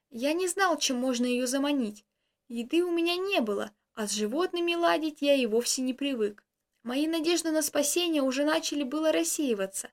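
Woman reading a first-person story, high voice, steady and expressive.

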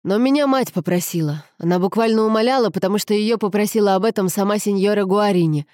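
A woman's voice: medium pitch, fast, a little mellow, no echo, clean studio sound, natural voice. Woman reading as a wry male photographer. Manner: wry, sighing.

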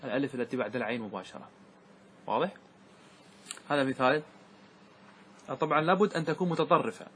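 A man, a sheikh, teaching a class on Arabic grammar, reciting verse slowly and checking whether students follow. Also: mid-range voice, fairly bright tone, slight background noise. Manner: asks students rhetorical checks like "clear?". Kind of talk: classroom lesson explaining verse.

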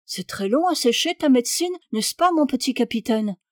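A high-strung, imperious baroness who scolds and exclaims at every turn, as a woman reader puts her on. Her voice pitches up sharply and pushes loud when she is outraged. The reading is close and dry, with no room sound. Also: animated, moderate pace, no room sound. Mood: fussy. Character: fussy, imperious aristocratic aunt, a baroness.

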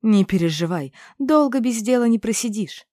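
A woman's voice: fairly high pitch, animated, moderate pace, warm tone, dry recording, studio quality, voice pushed up, lightly acted. Woman reading as a smug witch in red. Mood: commanding. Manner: commanding, coldly soothing.

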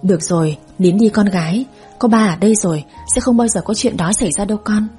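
A woman doing a gentle, soothing father. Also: medium pitch, fast, soft background music, natural voice. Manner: soothing, reassuring. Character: gentle loving hard-working father, older man.

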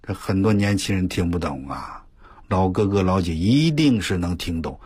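An older man spins a folksy radio tale in a very husky, fairly low voice. His pitch swings widely as he piles on exclamations and stretches words for effect, and the sound is dry and close. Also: dry recording. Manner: animated, full of exclamations, drawn-out emphasis. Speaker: radio storyteller. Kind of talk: folksy spoken storytelling. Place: radio studio.

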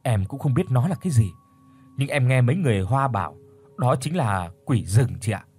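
A man voicing a calm young woman, a shaman's apprentice, patiently explaining in a spoken horror story. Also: mid-range voice, normal speed, breathy edge, faint music behind.

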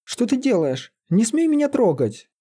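A man voicing a frightened, hot-tempered young woman with a shrill, hysterical manner in an audiobook, his voice lifted well above his own. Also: wildly swooping pitch, moderate pace, dark tone, husky, heavily acted. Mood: furious.

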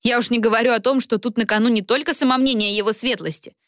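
A woman's voice: a little high, steady tone, quick pace, a bit bright, no room sound, studio quality, voice pushed up, lightly acted. A woman voicing a blunt, sarcastic young woman roommate in an audiobook, speaking in a cutting tone. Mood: scornful.

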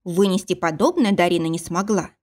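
A woman reading a fantasy romance audiobook in a measured, even narration. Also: on the low side. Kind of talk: scripted narration.

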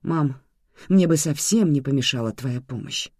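A woman's voice: a bass voice, lively intonation, moderate pace, dark tone, husky, no echo, exaggerated voice. A reader voicing a resentful young mother who speaks to her own mother firmly and reproachfully, recorded dry and close. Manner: firm, reproachful.

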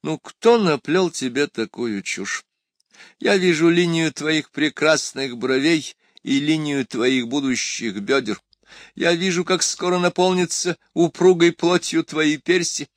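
A man voicing a flamboyant, lecherous male emperor with a high, loud, drawn-out delivery. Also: dry recording, clean studio sound, close to an everyday voice. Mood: leering.

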